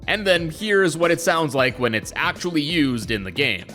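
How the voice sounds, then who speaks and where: A man's voice: on the high side, lively intonation, normal speed. A man hosting a gaming video, reading scripted explainer narration. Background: music.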